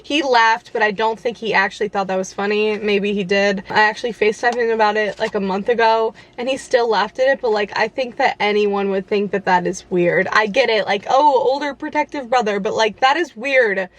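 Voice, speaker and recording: A young adult woman casually reading her own journal aloud with embarrassed, incredulous, self-mocking asides, in an animated, exclamatory way. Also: mid-range voice, brisk, few pauses. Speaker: vlogger.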